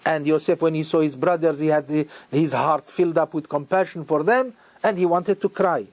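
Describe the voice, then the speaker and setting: A man giving a sermon as a rabbi, speaking with emphatic repetitions and halting restarts. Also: fairly high pitch, darkish tone, dry recording.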